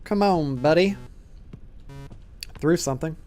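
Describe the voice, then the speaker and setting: A man's voice: a little high, slow pace, mellow, soft background music. Chatty young male game streamer. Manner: casual, chatty, reads and answers chat, laughs often. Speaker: gaming streamer. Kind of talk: live-streamed gameplay commentary.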